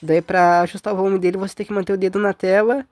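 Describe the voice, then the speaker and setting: A woman's voice: mid-range voice, little pitch movement, quick pace, darkish tone. A woman with a Brazilian accent hosting a casual step-by-step phone tutorial, informal and often adding short tag questions. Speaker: tutorial host. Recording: faint music behind.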